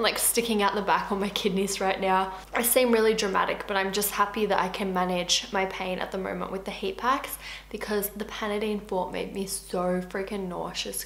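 Talking with her mouth full, a young woman in her twenties, a beauty vlogger, chats casually over a meal. Her voice is medium-pitched, gravelly, and fairly bright; the room echoes and there's faint hiss.

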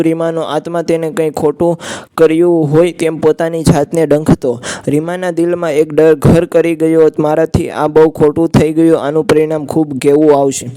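A man narrating a scripted emotional story, steady and even. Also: fairly high pitch, smooth.

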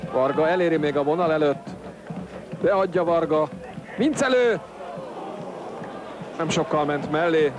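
A man giving excited sports commentary as a football commentator, exclaiming at the action. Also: fairly high pitch. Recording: noisy stadium broadcast with crowd. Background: football crowd.

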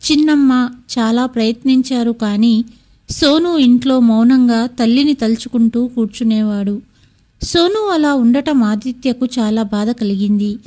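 A woman narrating a scripted story in a steady, measured way. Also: a little high.

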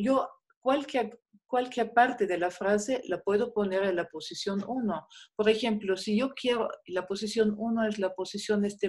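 A woman's voice: medium pitch, darkish tone. A woman teaching a class, explaining step by step, patient, with many fillers. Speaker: German teacher. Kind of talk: online class lecture.

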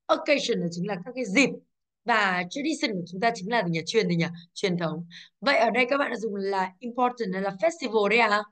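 A woman's voice: mid-range voice, lively intonation, a little fast, a bit bright. A female English teacher going over exercises, explaining each answer and checking with the class, with English words in a Vietnamese accent. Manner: explains step by step, checks with "đúng không ạ".

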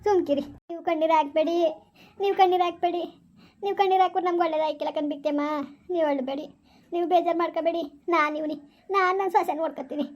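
A woman's voice: extremely high pitch, steady tone, rapid-fire, muffled recording. A woman playing an older village mother-in-law who insistently reassures and comforts. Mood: consoling. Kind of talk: village family drama.

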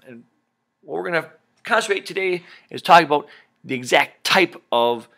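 A man teaching a science lesson, leading students to repeat terms after him and playfully stretching key words. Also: a little high. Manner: lively, playful, stretches key words and does a nasal pinched-nose voice.

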